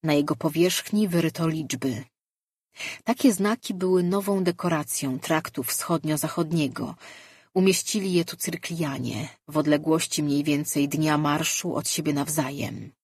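A woman narrating a fantasy audiobook in a measured, steady way. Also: low-pitched, husky, no echo, studio quality.

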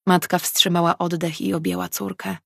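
A woman reading a novel aloud as an audiobook narrator, in calm, even storytelling. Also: lowish voice, moderate pace, creaky, breathy edge, no room sound, studio quality. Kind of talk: scripted narration.

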